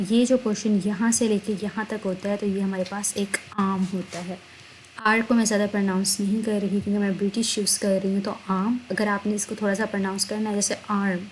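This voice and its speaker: Woman, teacher, repeats words slowly, faint background noise. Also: medium pitch, rough recording. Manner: slow, drawn-out spelling of words, repeats each word twice. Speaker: English teacher. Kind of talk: vocabulary lesson in Hindi.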